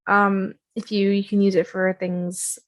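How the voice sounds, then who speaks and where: A woman casually walking viewers through a software tutorial on her screen, chatty and self-deprecating, with many fillers. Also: medium pitch, little pitch movement, unhurried.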